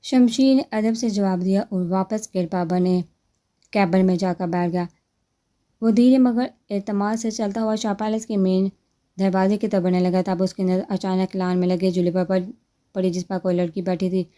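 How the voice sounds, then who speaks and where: A woman narrating a romance novel as an audiobook, reading in a steady, gentle way. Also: medium pitch.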